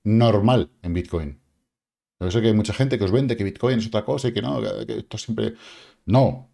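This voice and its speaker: A middle-aged man with a Spain Spanish accent talks casually to camera about the crypto market from a small indoor studio lit in purple. He's chatty and jokey, speaking directly to viewers with asides and a repeated "vale," his low, creaky, dark voice moving at a moderate pace.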